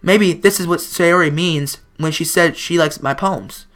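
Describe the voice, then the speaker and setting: A man's voice: on the high side, a little slow, fairly bright tone, soft background music. A man hosting a gaming video, reading a visual novel's text aloud and stumbling over words as he comments on it.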